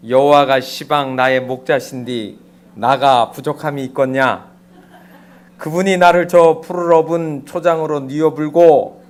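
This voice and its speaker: Male pastor doing a loud, hearty Jeolla countryman reciting scripture, slightly high voice, drawled exclamations. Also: lightly acted. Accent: Jeolla dialect. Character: folksy, exuberant Jeolla countryman reciting a psalm. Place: church sanctuary.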